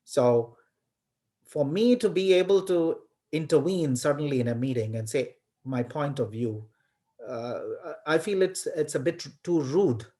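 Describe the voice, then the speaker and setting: A man's voice: on the high side, animated, measured pace, dark tone. A man from India, a college lecturer giving an online class on a video call, talking with emphasis and many fillers and repeated words. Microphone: webcam on video call.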